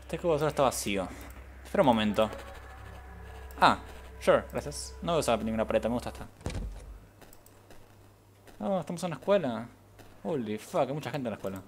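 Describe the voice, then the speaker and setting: A man's voice: mid-range voice, animated, fairly quick, long pauses, a little hiss or hum. Casual man streaming a game. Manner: casual, swears a lot, switches into English, sarcastic asides. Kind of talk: gameplay commentary and reading game text aloud.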